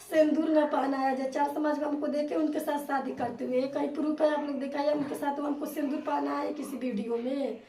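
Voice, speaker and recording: A woman's voice: sits high, steady tone, brisk, warm tone. A woman, talking defensively and protesting in casual conversation. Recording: echoey, from far off the mic.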